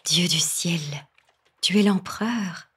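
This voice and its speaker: A woman's voice: sits low, measured pace, a little mellow, breathy edge, far from the mic, full character voice. A woman voicing a fearful young peasant boatwoman who pleads in a trembling, whispery voice. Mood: pleading.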